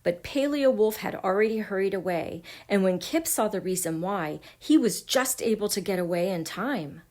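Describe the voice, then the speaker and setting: A woman reading a children's picture book aloud, gentle and expressive, sometimes dropping to a hush. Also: mid-range voice, moderate pace. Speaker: storybook reader.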